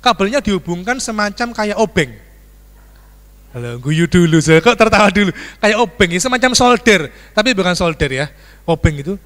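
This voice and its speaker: A man's voice: high voice, moderate pace. A man preaching a storytelling sermon as a pastor, acting out screams and dialogue for his congregation. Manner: animated, acts out screams and dialogue, addresses congregation as "saudaraku". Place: church sanctuary. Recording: church hall reverb.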